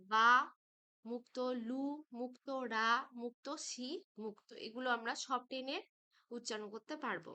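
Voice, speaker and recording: A woman teaching a school grammar lesson, patient and slow, stretching out syllables as she breaks words apart. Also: fairly high pitch, a bit bright, clear, resonant tone.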